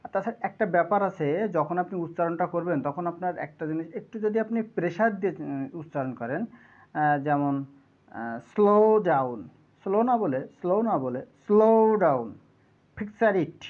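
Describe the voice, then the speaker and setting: A man teaching English pronunciation, reading each English tip slowly and then explaining it. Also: high voice, expressive. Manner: explains step by step, reads English tips slowly then glosses them. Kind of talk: English pronunciation lesson in Bengali. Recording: dull lo-fi sound.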